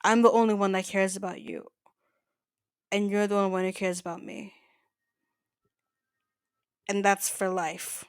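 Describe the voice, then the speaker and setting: In an ASMR roleplay, a woman plays an older mafia boss who is soft-spoken, possessive and quietly menacing, calm yet threatening. Her delivery is halting and stammering, intimately aimed at the listener, in a natural, medium-pitched, level, clean voice. The recording is dry and studio quality.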